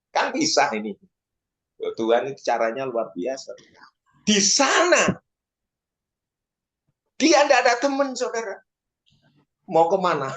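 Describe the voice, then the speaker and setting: Male preacher, lively sermon delivery, big pitch swings for emphasis. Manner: animated, swings pitch up for emphasis, keeps addressing listeners as "brothers".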